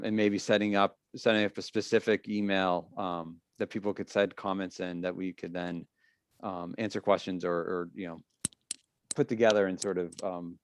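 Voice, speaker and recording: A man with a fairly low voice leads a public meeting discussion. He explains in a halting, repetitive way, and the sound is very dry and close. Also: gravelly, no room sound. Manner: halting, repeats phrases, explanatory. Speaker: meeting leader, school official.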